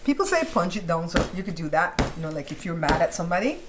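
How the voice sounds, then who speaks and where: A woman's voice: on the low side, very animated, fast talker. A woman chatting casually as she hosts a home baking tutorial, explaining step by step and checking in with viewers. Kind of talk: casual cooking tutorial chat. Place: indoors at a kitchen counter. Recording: clearly noisy home recording.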